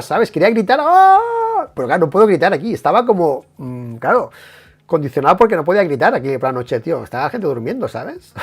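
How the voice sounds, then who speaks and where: A man with a Spain Spanish accent, giving a casual, emphatic live stream analysis of a motorcycle race, swearing and tagging his points with quick questions. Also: a little high, gravelly, slightly rough. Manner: animated, emphatic, swears, many tag questions.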